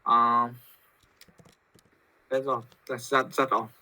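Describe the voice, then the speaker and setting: Very slow hesitant Vietnamese-accented man. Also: mid-range voice, little pitch movement, bright, forceful tone, no room sound, low-quality recording. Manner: halting, heavy with fillers. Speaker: student. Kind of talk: hesitant practice answer.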